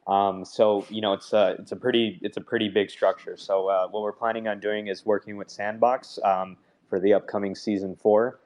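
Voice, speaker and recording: A man on a project team explaining updates in a live audio chat, relaxed and full of fillers. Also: on the low side, normal speed.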